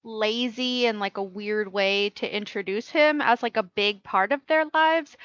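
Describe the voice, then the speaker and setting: A woman's voice: mid-range voice, a little slow, fairly bright tone, clean tone, no echo. A woman co-hosting a podcast in casual chat, blunt and frank, swearing freely. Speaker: podcast co-host. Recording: dull, lo-fi, dry sound.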